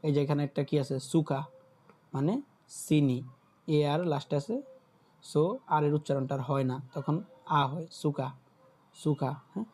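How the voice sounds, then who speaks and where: A man leads an online class over a video call, going slowly and checking that his students follow. His voice sits a little high but sounds dark and mellow. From Bangladesh. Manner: patient, repeats words and checks in with listeners. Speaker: German teacher.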